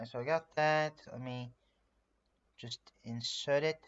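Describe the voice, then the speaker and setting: French man, native french speaker, livestream chat, rambling and filler-heavy, smooth voice, slightly dull audio. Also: medium pitch, fairly even intonation, slow. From France. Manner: rambling and self-narrating, many fillers. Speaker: streamer. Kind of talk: casual live-stream chat while drawing.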